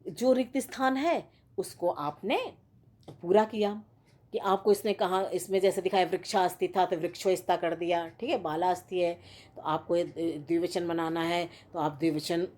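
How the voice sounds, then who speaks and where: A woman teaching a school grammar lesson, explaining patiently and often checking that students follow. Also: medium pitch. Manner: patient, repeats and checks with "theek hai na". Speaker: Sanskrit teacher.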